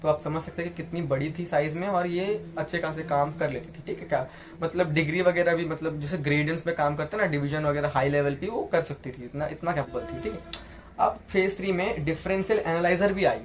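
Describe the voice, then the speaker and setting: A man's voice: a little high, brisk. A man teaching a casual computer basics class, chatty, often checking in with the listener and restarting his words. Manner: chatty, repeats "theek hai" and "dekhiye", frequent restarts. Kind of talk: casual Hindi tutorial lecture.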